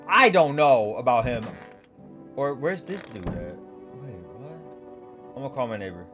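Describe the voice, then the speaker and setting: A man hosting a gaming video, thinking out loud in casual, slangy let's play commentary. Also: medium pitch, expressive, unhurried, music in the background.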